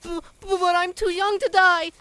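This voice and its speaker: A woman's voice: on the high side, very animated, moderate pace, a bit bright. A woman voicing a jittery young animal who scares easily and stutters. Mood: nervous. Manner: nervous, stuttering.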